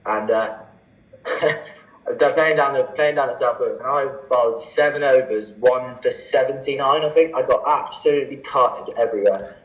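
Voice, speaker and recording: A young man in his twenties chats casually as a podcast guest. He tells his stories with animation and acts out both sides of quoted exchanges. His mid-pitched voice carries a roomy echo. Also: normal speed. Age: 20s. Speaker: guest cricketer.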